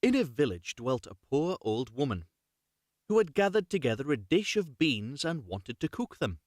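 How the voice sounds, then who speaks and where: A man hosts a live story reading, chatting casually and reading unrehearsed, rambling, correcting himself, and apologizing for slips. His medium-pitched voice is very animated at a moderate pace, recorded at studio quality with no echo.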